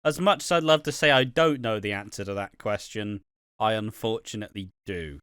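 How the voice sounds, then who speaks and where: On a laid-back podcast about a TV soap, a man from the UK co-hosts, cursing openly and performing characters' dialogue. He speaks fairly quickly in a lowish, slightly bright voice. The tone is clean, with no echo and studio-grade sound.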